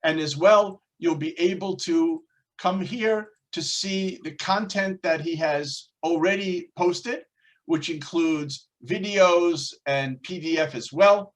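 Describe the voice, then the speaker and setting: A man with a New York accent and a slightly high voice opens an online class as the host introducing a teacher. He's friendly and chatty, takes it slowly, and jokes easily as he hands over to the teacher.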